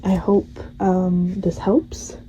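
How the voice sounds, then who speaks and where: A woman's voice: lowish voice, level tone, slow pace, mellow, a little hiss or hum, rough recording. A young woman hosting a gaming channel, rambling casually through a game's story and laughing at it. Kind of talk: casual story recap of a game.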